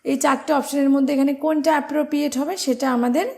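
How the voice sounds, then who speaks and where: A woman's voice: high-pitched, fairly even intonation, fast, gravelly, darkish tone. A young woman with a Bengali accent, teaching an exam-prep English grammar lesson and explaining each step with questions to her students.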